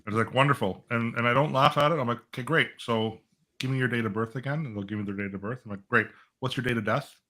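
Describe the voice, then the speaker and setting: On a live panel, a fast-talking financial advisor with a medium-pitched, bright, forceful voice explains things conversationally. He acts out little client dialogues and throws in rhetorical check-ins.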